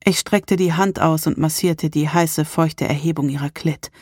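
A woman narrating a first-person erotic story in a calm, intimate reading style. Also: low-pitched, moderate pace, husky, no room sound, clean studio sound. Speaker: audiobook narrator.

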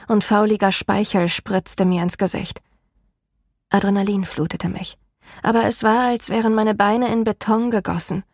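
A woman telling a first-person horror tale in a measured, dramatic voice, pitched in a middle range for a woman. The recording is close and dry. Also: a little mellow, breathy edge, no echo. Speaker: storyteller.

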